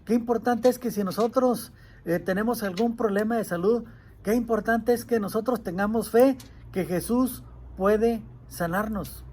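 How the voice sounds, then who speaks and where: A man's voice: high-pitched, normal speed, darkish tone, husky. A male pastor preaching a sermon earnestly, retelling a story and crying out the pleas he quotes.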